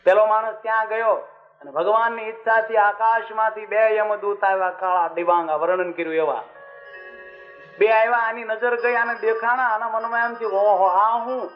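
A man preaching a devotional sermon, telling stories in a lively way and asking his listeners questions. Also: high-pitched. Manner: animated storytelling with questions to listeners. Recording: dull recording with faint music.

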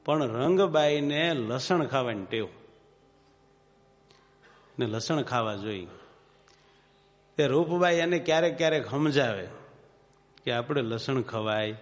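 A man's voice: medium pitch, big-room sound. A man with a Kathiawadi Gujarati accent, telling a moral story as a preacher in a homely, moralizing way and putting questions to his listeners. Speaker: religious preacher. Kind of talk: storytelling sermon.

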